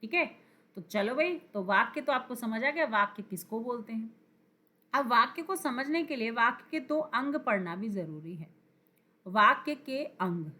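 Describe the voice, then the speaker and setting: A woman teacher explaining grammar for exam prep at a deliberately slow pace. Her voice sits a little high and rings bright. She repeats the key words and keeps quizzing her viewers. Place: teaching at a screen.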